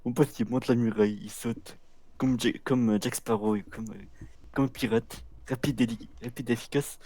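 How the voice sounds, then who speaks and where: A man's voice: mid-range voice, steady tone, normal speed, warm tone, no room sound. A man in his twenties telling a rambling childhood story on a game stream, restarting his sentences and acting out the voices of the people in it. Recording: game music playing behind.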